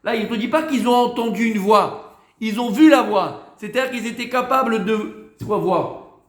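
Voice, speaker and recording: A man's voice: high-pitched, normal speed, roomy sound. A man teaching Torah to a class in a loose, talkative way, repeating phrases, mixing in Hebrew words, stopping to ask his listeners questions, and sounding tired. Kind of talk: informal Torah lesson with questions from students.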